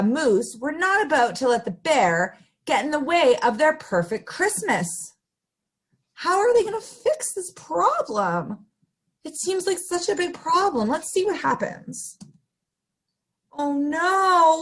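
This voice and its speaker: Here a woman hosts story time, her voice high, very animated and slow. She reads the picture book to young children with exaggerated, sing-song, interactive flair.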